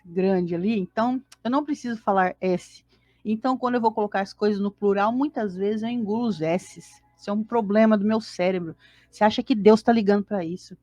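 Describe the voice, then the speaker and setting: A woman's voice: medium pitch, darkish tone, dry recording. A Brazilian woman co-hosting a spiritist study, talking animatedly and acting out little scenes. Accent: Brazilian Portuguese. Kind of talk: casual religious study talk. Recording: dull lo-fi dry sound.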